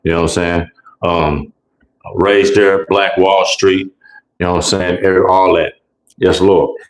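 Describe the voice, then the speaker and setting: A man's voice: deep voice, flat delivery, a little slow, echoey room, low-quality recording. A young adult man, co-hosting a casual live stream in a laid-back, playful way. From Oklahoma. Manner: laid-back, playful, says "you know what I'm saying" often. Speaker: co-host.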